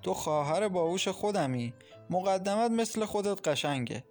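A male narrator lifting his voice into a gentle young mother, pitched a little high and speaking softly. She reassures and teases with easy warmth, as a character in an audiobook. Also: expressive, faint music behind. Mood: soothing. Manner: soft, reassuring, teasing. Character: gentle young woman, calm loving new mother.

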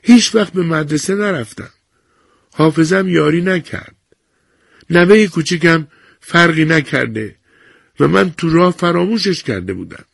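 Brief: a man doing a frail, proud old grandmother, thin and high, slow and earnest, a husky gravelly edge, dry close sound. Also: animated, dry recording. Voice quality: raised, thinned voice.

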